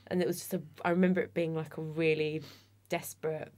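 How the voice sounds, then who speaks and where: A young woman, an author and performance poet, telling stories in lively, animated casual chat. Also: low voice, a little fast. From England. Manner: lively, animated storyteller who acts out quoted voices.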